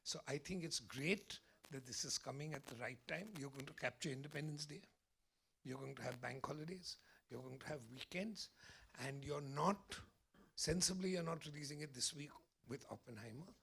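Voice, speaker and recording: Hoarse gravelly Indian man. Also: on the high side, normal speed, fairly bright tone. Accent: Indian English. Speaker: film critic and distribution guest. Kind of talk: confident press-event answers. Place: press event.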